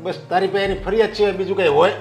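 A man's voice: sits high, fairly even intonation, fast talker, creaky, soft background music. An older man with a Gujarati accent playing a stern, curt father-in-law. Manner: curt, reproving. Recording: echoey room recording.

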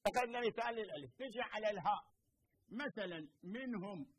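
Iraqi man, middle-aged, patient TV teacher, high pitched, repeats and checks understanding. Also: lively intonation, husky, rough recording. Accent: Iraqi Arabic. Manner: explains slowly, repeats points, checks understanding. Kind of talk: televised lesson with phone-in questions.

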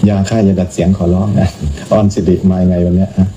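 A man's voice: sits low, level tone, fast talker. A man who is a Buddhist monk, talking in a casual, teasing, joking way. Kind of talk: casual mocking commentary. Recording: clear background noise.

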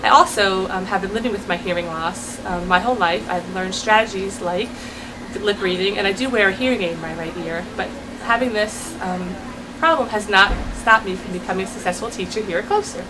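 A woman teacher giving steady, earnest personal testimony with a few pauses. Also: mid-range voice, background noise.

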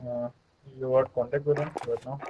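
A man with a slightly husky voice, chatting casually with fellow players. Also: medium pitch, level tone, moderate pace, warm tone, a little hiss or hum, rough recording. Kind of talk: casual chat.

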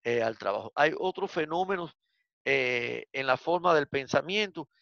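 A male lecturer with a bright, gravelly voice works through a psychiatry lesson at a measured pace, filling pauses with "eh" and calling on his students directly. The sound is dry and a little dull, with a lo-fi edge. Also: medium pitch, animated, no echo. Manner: explanatory, frequent "eh" fillers, addresses class as "señores". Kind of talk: university lecture.

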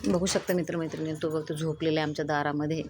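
Woman coaxing her dog over loud noise. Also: low voice, flat delivery, fast talker. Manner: coaxing baby-talk to her dog, switching to chatty asides to viewers. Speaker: vlogger filming her pet dog. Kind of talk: casual home vlog. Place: at home, by the doorway. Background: dog barking.

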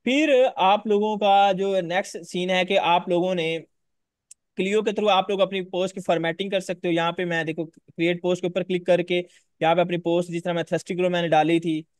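Higher-voiced man teaching casually. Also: steady tone, a little fast, no echo, clean studio sound. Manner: casual, repetitive, addresses viewers directly. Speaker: online course instructor. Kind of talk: live screen-share tutorial.

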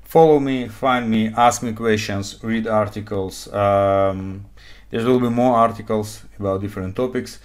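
This non-native English speaker in his forties, who speaks Hebrew, Russian, and Ukrainian, gives a live coding conference talk from his home-room desk. He goes step by step with frequent "okay?" checks, in a fairly low, steady voice that's a little slow.

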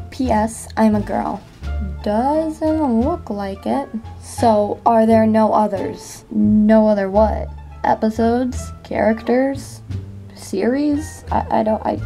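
A woman's voice: mid-range voice, gravelly, warm tone. A woman reading online comments aloud in a casual vlog, adding sarcastic, dry retorts. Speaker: video creator and host. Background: music.

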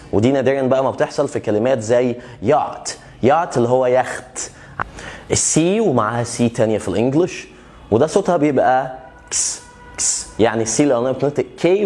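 A man with an Egyptian Arabic accent leads an English pronunciation lesson in a mid-range voice. He explains each rule in a relaxed way. Then he repeats the example words slowly and carefully. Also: mid-range voice. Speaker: English teacher.

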